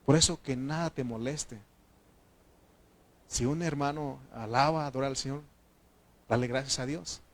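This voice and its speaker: A man with a Mexican Spanish accent preaching a sermon as pastor, animated and shouting at times, calling his congregation "brothers" and asking them to answer "amen". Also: mid-range voice, moderate pace, pauses often. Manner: addresses the congregation as brothers, asks yes or no.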